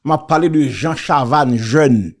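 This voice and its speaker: A man with a Haitian accent and a slow, mid-range voice offers casual commentary on church and politics. He sounds preachy and emphatic, repeating key phrases.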